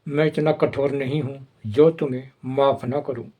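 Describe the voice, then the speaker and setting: A man's voice: medium pitch, fairly even intonation, normal speed, warm tone, lightly acted. A man reading the lines of a tearful, forgiving husband in a retold film story, in a plain reading voice.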